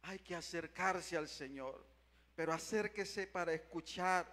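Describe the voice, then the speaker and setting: A young man with a fairly high, slightly bright voice delivers a fervent revival sermon at a somewhat slow pace, pacing the stage of a large church sanctuary with a handheld mic. He calls out to his listeners again and again, passionately repeating "mi amado hermano." The recording carries a long church reverb.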